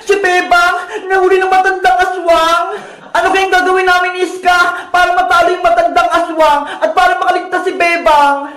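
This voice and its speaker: A woman hosting and acting in a comedic kids skit, shrill and excitable, often shouting. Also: moderate pace, roomy sound. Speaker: skit performer and channel host.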